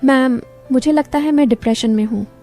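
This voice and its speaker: Woman reading a shy young male patient, hesitant and bashful, mellow tone. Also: high voice, brisk, faint music behind.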